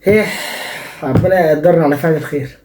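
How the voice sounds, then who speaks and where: Fast-talking young Egyptian man joking. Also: a little high, darkish tone. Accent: Egyptian Arabic. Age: young adult. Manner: joking, teasing, playfully sarcastic. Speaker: advice show host. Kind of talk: comic advice monologue. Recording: echoey room.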